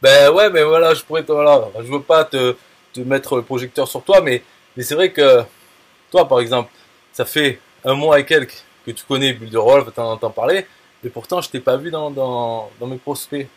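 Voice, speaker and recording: Guy rambling casual, lots of euh and restarts, kinda crude, middle pitch. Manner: halting, many fillers and restarts, blunt crude slang. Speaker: affiliate marketer. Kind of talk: casual talk to a viewer.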